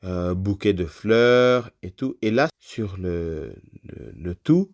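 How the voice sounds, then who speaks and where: A man with a somewhat low voice recounts a personal story as a podcast guest. He talks in a loose, conversational way, dropping fillers as he goes. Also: animated, takes it slowly.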